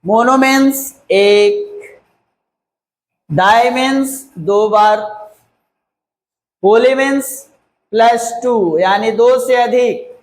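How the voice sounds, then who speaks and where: Guy teaching grammar real slow, spells words out, keeps asking if it's clear, echoey room. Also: extremely high pitch. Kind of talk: classroom grammar lesson. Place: classroom.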